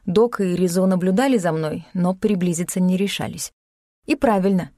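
A woman reading a first-person story aloud in a measured, wry manner. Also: lowish voice, dark tone, no echo, studio quality. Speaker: audiobook narrator. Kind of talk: first-person scripted narration.

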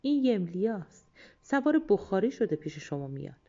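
A woman's voice: mid-range voice, very animated, warm tone, lo-fi sound, soft background music. A woman voicing a king's general who coaxes and wheedles, in a storybook reading. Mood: reporting. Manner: wheedling, persuasive. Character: coaxing royal general, grown man.

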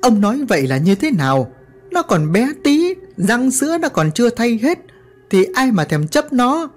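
Narrator doing a distraught village mum, wailing high, pitch leaping about. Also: female voice, sing-song, moderate pace, faint music behind. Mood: indignant. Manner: wailing, crying out.

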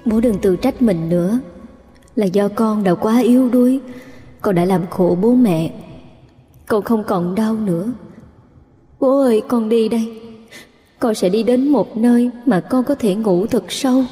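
A man voicing the gentle, sorrowful ghost of an eighteen-year-old girl, speaking softly and tenderly. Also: high voice, a little slow, pauses often, voice pushed up. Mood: sad tender. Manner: soft, pleading, tender. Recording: narration with faint music, long reverb.

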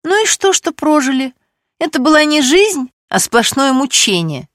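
A woman's voice: high-pitched, big pitch swings, normal speed, dry recording, studio quality, pitched above the performer's own voice. A woman reading an audiobook, voicing a brash, scheming female friend in a raised, pushy voice. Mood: defiant.

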